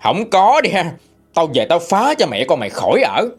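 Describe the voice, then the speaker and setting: A man's voice: a little high, wildly swooping pitch, normal speed, slightly rough, soft background music, pitched above the performer's own voice, exaggerated voice. A man voicing a cruel, drunken, abusive father who snarls curses and threats in a spoken story. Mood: threatening. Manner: snarling, cursing, menacing.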